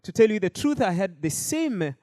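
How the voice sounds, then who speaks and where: A man's voice: high-pitched, sing-song, moderate pace, warm tone, dry recording. A man hosting a panel discussion, speaking with frequent hesitations and fillers. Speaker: host.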